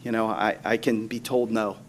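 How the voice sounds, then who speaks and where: A middle-aged American man answering interview questions off the cuff at a meeting, halting and correcting himself. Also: lowish voice, little pitch movement. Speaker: candidate being interviewed for a school board. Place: public board meeting room.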